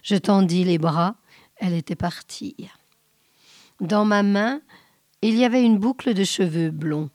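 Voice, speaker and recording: A woman reading a short story aloud in a measured, often hushed way. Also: mid-range voice, no echo, clean studio sound. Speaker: reader.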